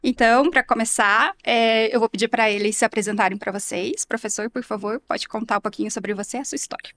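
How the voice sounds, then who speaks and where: A woman's voice: on the high side, steady tone, brisk, a bit bright. A young adult woman hosting a podcast, introducing guests in a friendly, upbeat, well-structured way. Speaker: podcast host.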